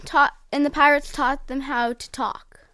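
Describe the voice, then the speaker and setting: A woman's voice: high voice, level tone, a little slow, bright, forceful tone. A woman co-hosting a podcast in casual chat, playful and teasing, often giggling. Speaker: podcast co-host.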